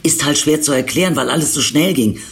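A man voicing a flustered, defensive young man who talks insistently, pitched well above his own voice. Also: a little fast, creaky.

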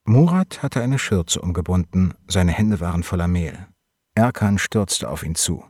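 A man narrating a novel in an audiobook reading, with steady, measured storytelling and a husky voice. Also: low-pitched, no echo, clean studio sound.

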